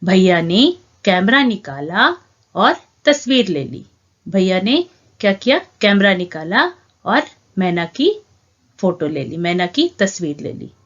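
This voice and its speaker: A woman teaching a reading lesson to young children, asking the class questions and answering them herself in a patient, drawn-out way. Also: fairly low pitch, very animated. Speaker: primary school teacher. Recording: dull lo-fi home recording.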